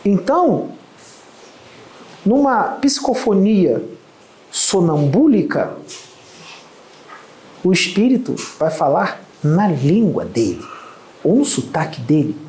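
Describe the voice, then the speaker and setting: This man is a medium from Rio de Janeiro, Brazil, with a Carioca Portuguese accent, and he lectures emphatically on spiritual matters while scorning those who criticize him. A slightly high, dark-toned voice comes through a low-quality recording made in an echoey room.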